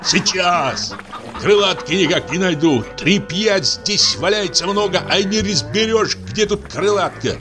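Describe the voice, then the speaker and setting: A man's voice: high voice, expressive, unhurried, over music, pitched above the performer's own voice. Man doing a tipsy, blustering fellow, raised voice. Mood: fussing. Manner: pleading, then cursing and flustered. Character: tipsy, tired, blustering middle-aged man. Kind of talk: audiobook character voice.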